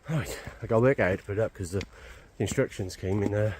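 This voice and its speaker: A man's voice: fairly low pitch, quick pace, darkish tone, a little hiss or hum. A man casually vlogging to camera outdoors in the woods, chatty and self-mocking as he sets up a tent. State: out of breath. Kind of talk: casual camping vlog.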